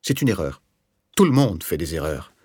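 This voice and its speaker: A man's voice: expressive, moderate pace, slightly rough, dry recording, clean studio sound. A man voicing an anxious, touchy middle-aged rentier in an audiobook, speaking in a raised, agitated voice. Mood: vehement. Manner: agitated, defensive, raised pitch. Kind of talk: audiobook character voice.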